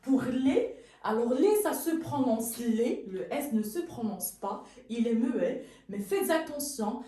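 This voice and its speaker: A woman with a slightly high, animated, warm voice teaches a French grammar lesson at a slow pace, patiently repeating each word for learners. She often corrects herself and says pardon frequently. The room is very echoey, with the mic far away.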